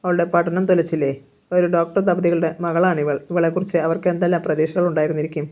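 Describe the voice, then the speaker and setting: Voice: medium pitch, level tone, fast, darkish tone, close to an everyday voice. A storyteller reading aloud, voicing a stern, resentful middle-aged father who lectures in a Kerala Malayalam accent. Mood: reproachful. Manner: reproachful, lecturing.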